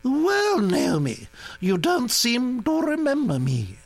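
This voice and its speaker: A man reading an audiobook, voicing an imperious elderly aristocratic duchess who is brisk, bossy and disapproving. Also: extremely high pitch, wildly swooping pitch, gravelly, voice pushed up, heavily acted. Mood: commanding.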